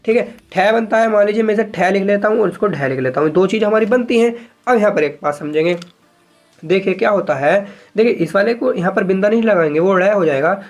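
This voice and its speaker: A man teaching a shorthand lesson to viewers, speaking casually and patiently, slowly repeating example sentences and often checking that his viewers follow. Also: high voice. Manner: addresses viewers as friends, frequent "ठीक है".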